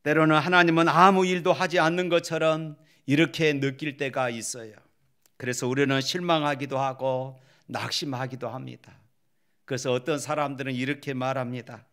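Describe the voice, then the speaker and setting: A middle-aged male senior pastor preaching a Sunday sermon in a church, moving from quiet scripture reading to rising, emphatic exhortation. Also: medium pitch, steady tone, normal speed. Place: church sanctuary.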